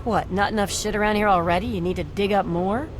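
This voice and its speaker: A woman's voice: mid-range voice, fairly even intonation, fast talker, background noise, lightly acted. An actress playing a surly, foul-mouthed woman who runs a bar in a video game, brusque and scornful. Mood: irritated, scornful.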